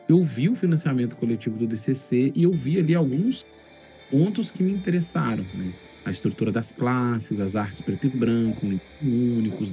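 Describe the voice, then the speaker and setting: A middle-aged man with a Brazilian accent explains things in casual yet articulate podcast talk, often checking that the listener agrees. His voice is medium in pitch with a dark tone, and faint music plays in the background.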